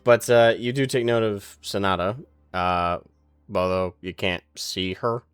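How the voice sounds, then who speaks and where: A man narrating as game master of a tabletop game, pausing often with fillers as he describes scenes. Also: lowish voice, steady tone, smooth, no room sound. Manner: halting, filler-heavy descriptions.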